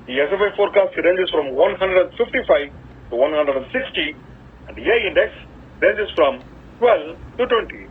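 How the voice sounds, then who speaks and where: A man from India, hosting a radio hobby show and reading a news digest in a measured, careful way, heard over a shortwave radio broadcast. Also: high voice, breathy edge. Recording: tinny shortwave radio reception.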